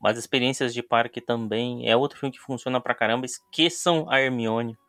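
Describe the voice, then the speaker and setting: A man's voice: medium pitch, steady tone, a little fast, fairly bright tone, no echo. Slangy Brazilian man, close dry sound. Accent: Brazilian Portuguese. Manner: informal, slangy, emphatic, teasing. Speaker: podcast co-host. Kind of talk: casual bantering chat about films.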